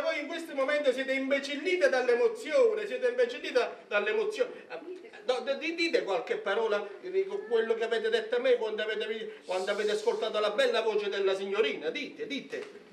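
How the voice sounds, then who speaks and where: A man's voice: extremely high pitch, moderate pace. A man playing a flustered, fawning matchmaker in a stage comedy, stammering and insistently repeating his phrases. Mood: eager reassuring. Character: flustered, coaxing middle-aged matchmaker, fawningly polite. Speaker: stage actor. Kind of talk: live Italian stage comedy acting. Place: indoor theatre stage with audience. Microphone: far camera. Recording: roomy theatre stage, distant microphone, audience noise.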